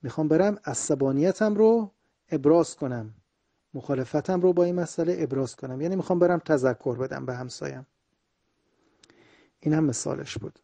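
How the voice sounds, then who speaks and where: Mellow-voiced man teaching English phrases. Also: on the high side, gravelly. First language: Persian. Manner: repeats English phrases slowly, then explains quickly in Persian. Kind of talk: language lesson, explaining phrases.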